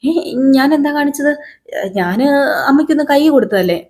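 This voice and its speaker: A woman voicing an excitable young woman who asks quick, high-pitched questions. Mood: surprised.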